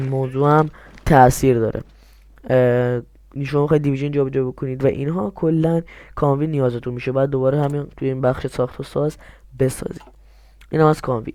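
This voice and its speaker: A man's voice: a little high, mellow, clean tone, dry recording. A young man walking viewers through a strategy game step by step, asking himself questions and then answering them. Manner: explains step by step, asks and answers his own questions. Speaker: game tutorial host. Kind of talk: screen-recorded game tutorial.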